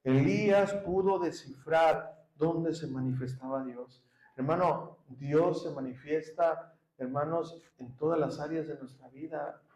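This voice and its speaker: A man's voice: a little high, a little slow, a little mellow, echoey room, poor audio. A man with a Mexican Spanish accent preaching a sermon, earnestly addressing his congregation as brothers and rising into emphatic peaks. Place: church hall.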